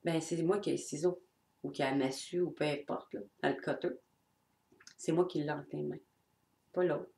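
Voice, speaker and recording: A woman's voice: low-pitched, steady tone, normal speed, creaky, pauses often, a little mellow. Earnest Québécois woman, echoey room. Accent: Québécois French. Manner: blunt and earnest, with swearing and mimicked voices. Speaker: personal growth speaker. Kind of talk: unscripted heartfelt talk to viewers.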